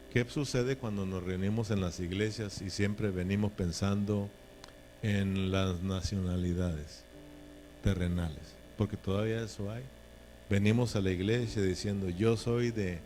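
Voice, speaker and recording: Folksy low-voiced preacher. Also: male voice, fairly even intonation, unhurried, darkish tone, soft background music. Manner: folksy, joking, asks ¿verdad? often. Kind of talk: sermon. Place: church.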